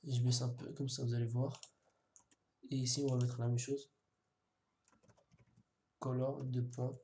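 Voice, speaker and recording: Mellow-voiced man casually explaining code. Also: medium pitch, flat delivery, a little slow, slight background noise. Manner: casual, hesitant, many fillers and restarts; jokes self-mockingly. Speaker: web coding tutor. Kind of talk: screen-recorded coding tutorial. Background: keyboard typing and mouse clicks.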